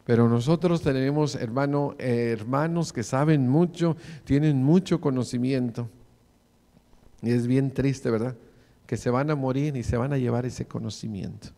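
Male preacher, 40s, mid-pitched, earnest sermon, church hall echo. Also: normal speed, vocal fry, dark tone. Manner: preachy, calls listeners brother often. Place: church sanctuary, in front of the pulpit. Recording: long church reverb.

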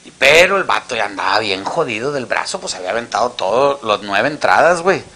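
A man's voice: medium pitch, big pitch swings, a little fast, sharp tone. A man with a Mexican Spanish accent telling crude jokes in a casual storytelling style, acting out each character in his story. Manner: crude slang, acts out every character.

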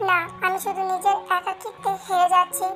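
A woman voicing a timid young widow, soft and fearful. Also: very high-pitched, monotone, brisk, faint music behind. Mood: anxious.

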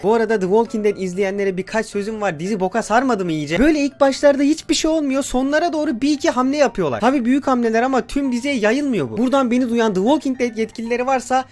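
Young guy doing loud jokey gameplay commentary, talks super quick, lots of yelling at the screen. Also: very high-pitched. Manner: loud, jokey, yelps and curses at the game. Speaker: gaming YouTuber. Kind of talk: excited let's-play commentary.

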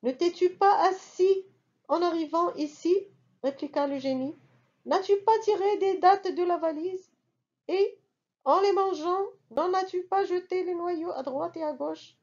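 A towering, ancient male genie, relentless and threatening, his lines delivered high and loud as a woman reading a bedtime storybook puts him on. The sound is slightly dull and lo-fi. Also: measured pace. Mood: menacing.

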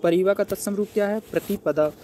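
A man's voice: sits high, fairly quick, dark tone, slight background noise. A man working through an exam paper as a Hindi tutor, asking questions aloud and answering them himself step by step. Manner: explains step by step, asks and answers his own questions.

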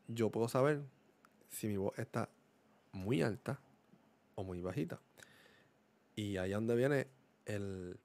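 Speaking into a desk condenser microphone at home, this Puerto Rican-accented man gives a casual tech demo, walking through a mic's settings for his gaming YouTube review. His voice is medium-pitched and a little mellow. He mixes in English words and keeps checking that the listener understands.

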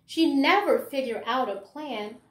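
Sharing a picture book with children and teachers, a middle-aged woman educator reads aloud in a high voice, her delivery measured and expressive. She also comments on the book as she goes. Recorded in a small room at home, the sound is roomy and echoing.

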